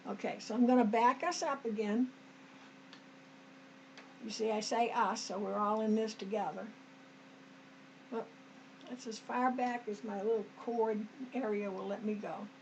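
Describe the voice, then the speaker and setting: Chatty woman teaching sewing, slightly high. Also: fairly even intonation, unhurried, vocal fry, long pauses, a little mellow, a little hiss or hum, rough recording. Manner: homey, talks to viewers as "us", frequent okays and restarts. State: slightly dry throat, clearing it. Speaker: sewing tutorial host. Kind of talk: chatty step-by-step sewing demonstration.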